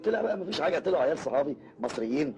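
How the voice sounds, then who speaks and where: An actor playing a boastful young Egyptian joker who tells animated comic stories and laughs at his own jokes. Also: fairly high pitch, very fast. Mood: joking. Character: boastful joker young man, loves to clown. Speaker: joking friend telling a story.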